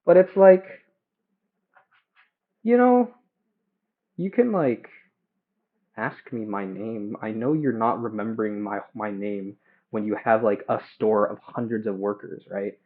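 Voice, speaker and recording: A young man chatting casually and haltingly while cooking at home, livestreaming through headphones used as a mic. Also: fairly low pitch, phone-quality sound. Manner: hesitant, halting, self-questioning. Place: home kitchen. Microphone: headphones used as a phone mic.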